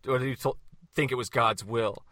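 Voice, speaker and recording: Bright-voiced man arguing passionately. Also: mid-range voice, steady tone, moderate pace, no echo, clean studio sound. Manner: impassioned, quotes scripture, rhetorical questions. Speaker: religion critic in debate. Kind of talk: debate.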